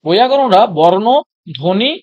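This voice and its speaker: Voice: medium pitch, animated, dull audio. Teacher asking and answering his own questions. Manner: asks questions and answers them himself; recites Sanskrit lines slowly. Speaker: Sanskrit teacher. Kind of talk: exam-prep lecture.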